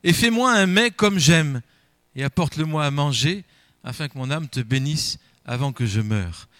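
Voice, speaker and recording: A preacher man reads scripture and then explains it, his fairly high voice swelling and dropping for emphasis as he repeats his words. The sound is dry and close, with no room echo. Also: animated, moderate pace, a bit bright. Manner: emphatic, rising and falling delivery with repeated words. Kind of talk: Bible reading and sermon.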